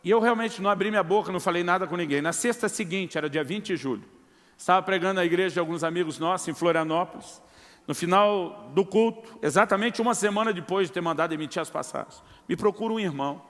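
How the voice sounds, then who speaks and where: A man's voice: sits high, fast talker, a bit bright, big-room sound. A middle-aged Brazilian man preaching a sermon as pastor, telling a personal testimony and acting out the dialogue, calling his listeners brother. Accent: Brazilian Portuguese. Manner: storytelling, acts out quoted dialogue, addresses listeners as brother.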